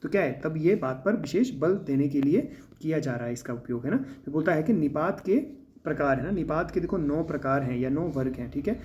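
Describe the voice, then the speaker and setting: A man gives an exam-prep grammar lesson to students. His voice sits a little higher than most men's. He explains patiently and keeps tagging his points with little check-ins. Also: lively intonation, brisk, darkish tone, highs cut off, a little hiss or hum. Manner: explains with frequent "है ना" tags. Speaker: teacher.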